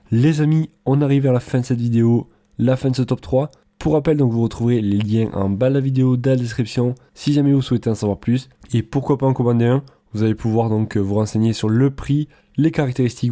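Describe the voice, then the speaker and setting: A man giving a casual product comparison voice-over in a chatty, relaxed way, with frequent hesitations. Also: mid-range voice. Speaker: product reviewer.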